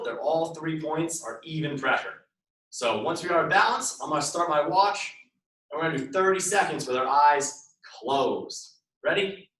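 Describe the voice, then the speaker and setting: A man with a slightly bright, higher voice instructs a workout class live, repeating short step-by-step directions and counting down reps. The sound is distant and echoey.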